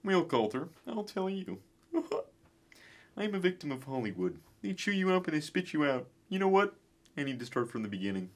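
A man's voice: fairly high pitch, very animated, moderate pace. A man playing a bitter, self-pitying celebrity frog in a mock documentary interview, theatrical and aggrieved. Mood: bitter, confiding.

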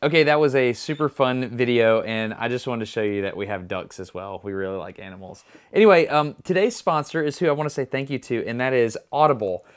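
A man's voice: mid-range voice, lively intonation, brisk, few pauses, clear, resonant tone. A man in his thirties hosting casually to camera in a home room on a lapel mic. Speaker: host. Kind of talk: casual presenter talk to camera.

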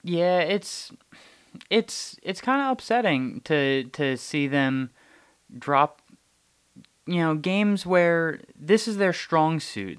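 Young male podcast host, smooth clear tone, casual halting delivery, close mic. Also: medium pitch, a bit bright. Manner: halting, repeats words while thinking. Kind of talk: casual sports chat.

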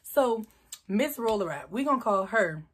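A young woman vlogger telling a story to her viewers, chatty and animated, often calling them y'all and swearing freely. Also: mid-range voice, moderate pace, a little hiss or hum. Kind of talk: casual storytime.

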